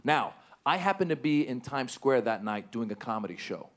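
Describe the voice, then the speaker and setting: A man performing stand-up comedy on stage, animated and given to sudden high-pitched outbursts. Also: normal speed. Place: stage before a live audience.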